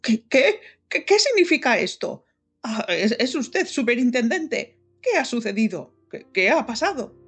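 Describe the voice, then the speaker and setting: A woman voicing a flustered, pompous male official who stammers in a shrill, agitated voice. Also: very animated, moderate pace, few pauses, darkish tone, slightly rough, faint music behind. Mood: shrill alarm.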